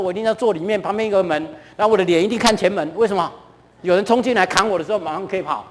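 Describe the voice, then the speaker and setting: A middle-aged man with a Taiwanese Mandarin accent, giving a lively storytelling talk at a church and often asking the audience questions. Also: sits high. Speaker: guest lecturer at a church. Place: church hall. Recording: reverberant church hall.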